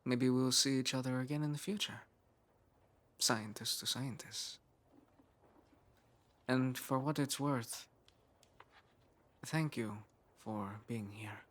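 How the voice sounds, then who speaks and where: In a quiet, tender ASMR roleplay monologue, a man voices a driven, earnest young scientist from poor roots. He muses in measured phrases with thoughtful pauses, his voice mid-range and fairly bright.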